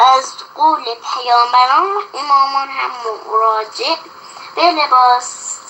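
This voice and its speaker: A kind, patient mother explaining things to her little daughter, as a child reads her part aloud. The voice is high and bright, with a gentle, instructive manner, like a children's storybook read at home. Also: slight background noise, rough recording.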